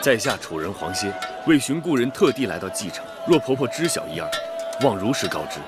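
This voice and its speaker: A man's voice: medium pitch, big pitch swings, brisk, natural voice. An actor playing an earnest, courteous young nobleman in a period TV drama, speaking formally. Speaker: young nobleman seeking a lost friend. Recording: period drama with loud music behind.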